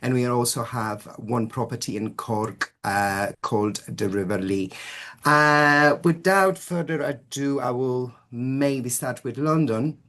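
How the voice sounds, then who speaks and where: A man's voice: medium pitch, slow, fairly bright tone. A man giving an upbeat sales presentation over a video call, with audio that breaks up at times and a lot of glowing adjectives. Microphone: computer mic on a video call.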